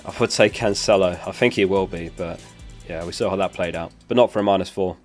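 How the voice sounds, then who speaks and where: A low, slightly mellow voice belongs to a young male streamer who talks fairly quickly over soft background music. He hosts a live stream, chatting casually and answering chat's questions as he recovers from losing his voice.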